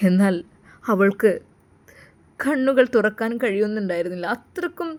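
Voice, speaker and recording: A woman's voice: medium pitch, expressive, moderate pace, darkish tone. A woman with a Malappuram Malayalam accent, narrating a sad family story in a dramatic, emotive way. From Kerala.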